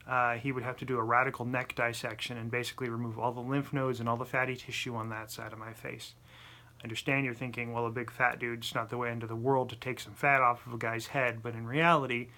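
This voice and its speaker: A man's voice: medium pitch, pushed and bright. A man with a lisp talking casually to the camera in a personal vlog, apologetic and self-deprecating. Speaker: vlogger.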